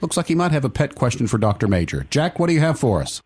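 A man with a medium-pitched voice hosts a phone-in. He talks quickly and casually, moving callers along. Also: very animated, a little mellow, slightly rough. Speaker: radio phone-in host. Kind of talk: casual hosting of a call-in show.

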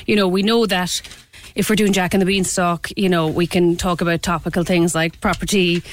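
A woman's voice: on the low side, little pitch movement, a little fast, slight background noise. Chatty woman with a west of Ireland accent. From County Clare, west of Ireland. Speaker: interview guest, improv performer. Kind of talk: casual radio interview chat.

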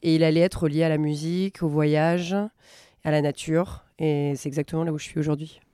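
Brief: female DJ guest, lively storyteller, clear voice, dry close mic. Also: sits low, brisk, dry recording. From Bordeaux, France. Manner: enthusiastic, laughs often. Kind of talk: casual podcast chat.

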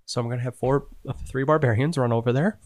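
A man's voice: mid-range voice, fairly even intonation, quick pace, darkish tone, a little hiss or hum. A man running a tabletop game as game master, easygoing and often laughing.

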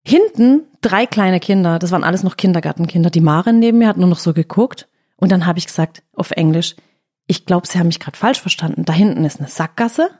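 Woman telling a story in lively detail. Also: lowish voice, fairly quick, slightly rough. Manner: tells the story vividly, quoting her own words. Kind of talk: casual storytelling chat.

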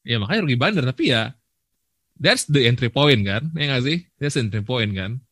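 A man's voice: medium pitch, moderate pace, no room sound. Young man co-host, dry sound. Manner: relaxed, rambling, mixes English phrases into slangy talk. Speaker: podcast co-host. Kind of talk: casual chat.

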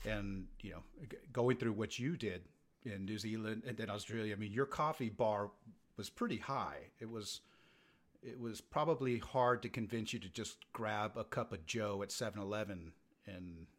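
A man's voice: fairly low pitch, moderate pace. A man in his fifties chatting casually, laughing easily and restarting his sentences. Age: 50s. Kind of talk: casual chat.

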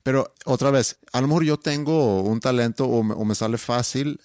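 A Swedish-born man in his forties with Monterrey-accented Spanish and a faint foreign edge. His voice sits at a middle pitch and he talks easily and casually, and the recording is dry and close. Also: moderate pace, a little mellow, smooth, dry recording. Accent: Monterrey Spanish with a slight foreign tinge. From Sweden. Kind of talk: casual chat.

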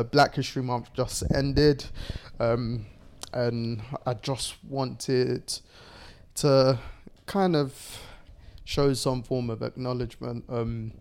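Young man, London accent, podcast host, casual group chat, laddish slang, medium-pitched voice. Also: darkish tone, clean tone.

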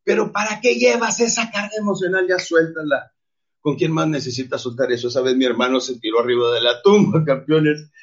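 A middle-aged man with a Mexican accent giving an emphatic motivational talk, urging listeners to forgive. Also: medium pitch. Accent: Mexican Spanish. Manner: emphatic, preachy, calls listeners "campeones". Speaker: motivational speaker. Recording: dull lo-fi audio.

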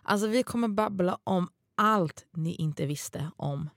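A woman's voice: on the low side, animated, no echo, clean studio sound. A middle-aged woman from Småland who speaks with a Stockholm accent, chatting casually and playfully as a podcast co-host. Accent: Stockholm Swedish. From Småland, Sweden. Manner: playful, babbling, informal.

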